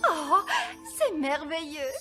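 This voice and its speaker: A woman's voice: sits high, takes it slowly, music in the background. A woman voicing a vain, dramatic fairy queen and mother in a cartoon. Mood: vain, pleased. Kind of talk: cartoon voice acting.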